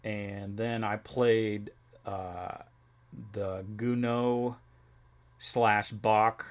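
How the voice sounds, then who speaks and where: A man's voice: on the low side, steady tone, drawn-out words. A young man livestreaming, chatting casually with viewers in a rambling way with lots of fillers. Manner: rambling, filler-heavy, reads chat aloud. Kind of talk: casual chat with stream chat.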